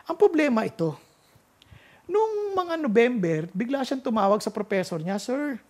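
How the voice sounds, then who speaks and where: A woman with a Filipino accent preaching a sermon, telling a story and acting out its dialogue in a lively way. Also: fairly high pitch, normal speed. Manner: mixes English and Tagalog, animated storytelling, acts out dialogue.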